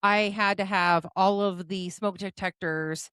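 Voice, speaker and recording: A woman co-hosting a podcast in casual chat, animated and quick to exclaim. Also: medium pitch, clean tone, dry recording, studio quality. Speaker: podcast co-host.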